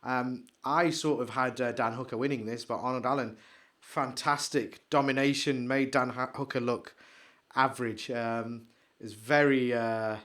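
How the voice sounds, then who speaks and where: A man co-hosting a podcast, chatting excitably and rambling, trailing off into mumbles while he searches. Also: mid-range voice, measured pace, few pauses. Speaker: podcast co-host. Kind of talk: casual chat.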